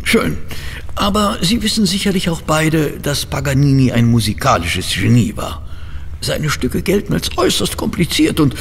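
An actor playing a courteous, sceptical doctor, the detective's loyal companion, in a German audio drama. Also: male voice, fairly high pitch, very animated, moderate pace, vocal fry, a little hiss or hum. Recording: long hall reverb.

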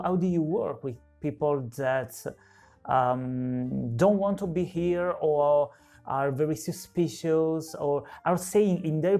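Italian-accented male host, slow and mellow, lots of ums while asking. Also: on the high side. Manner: hesitant, many fillers and restarts. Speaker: interviewer, therapy channel host. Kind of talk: interview questions.

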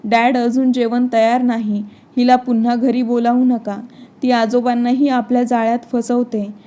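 A spoiled twelve-year-old girl of a storybook, whiny and rude to her elders, as a woman narrator reads her. The voice sits fairly high and mellow, with a flat melody. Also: moderate pace, lightly acted. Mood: rude, sulky.

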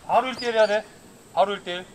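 On an outdoor pitch, a man in his thirties coaches football players with brisk instructions and commands. A distant camera captures him, with a little hiss or hum.

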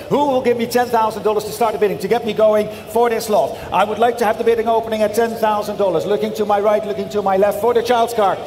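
A man's voice: high voice, darkish tone. A man working as an auctioneer, calling bids live in a repetitive chant with courteous, formal address to the room. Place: large auction hall. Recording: echoey hall PA, background noise.

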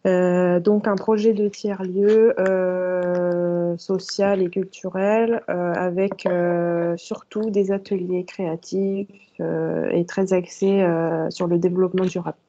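A woman's voice: lowish voice, little pitch movement, slow pace, mellow. A woman participating in a webinar, talking hesitantly with many fillers. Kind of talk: casual online meeting chat. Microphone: video call. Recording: dull lo-fi video call audio.

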